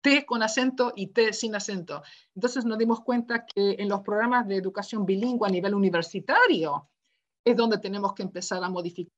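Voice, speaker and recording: A woman lecturing to teachers in a relaxed, conversational way, often asking "¿verdad?" and acting out quoted dialogue in her stories. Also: medium pitch, brisk, highs cut off. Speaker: university education lecturer. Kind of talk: lecture given online.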